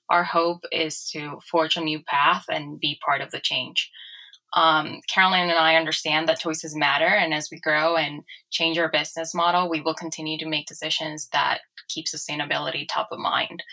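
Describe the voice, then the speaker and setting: A woman in her twenties from Ecuador, a company co-founder answering interview questions in a measured, articulate way. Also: deep voice, pushed and bright, low-quality recording.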